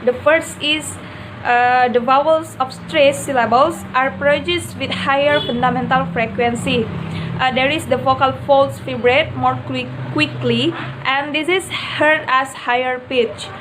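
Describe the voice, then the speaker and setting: A woman's voice: high voice, fairly even intonation, measured pace, noisy background. A young woman student giving a class presentation on word stress, hesitating with frequent fillers; her first language is Indonesian. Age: young adult.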